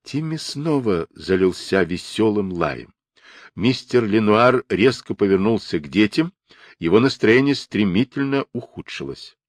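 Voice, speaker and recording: Expressive man reading an audiobook. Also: lowish voice, a little slow, no echo, clean studio sound. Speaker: audiobook narrator. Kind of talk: audiobook narration.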